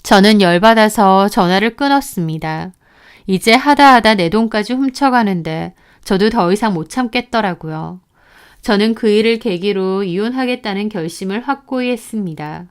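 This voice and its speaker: A woman's voice: mid-range voice, lively intonation, moderate pace, clear, resonant tone. A woman narrating a first-person story in an aggrieved, recounting manner.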